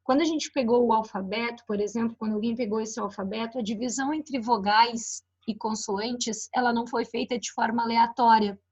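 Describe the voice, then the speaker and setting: A woman's voice: a little high, steady tone, brisk, hardly any pauses, a little mellow, slightly rough. Brazilian woman teacher, dull lo-fi lecture. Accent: Brazilian Portuguese. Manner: explanatory, points at slides, frequent "né" and "ó". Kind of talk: recorded online lecture on phonetics.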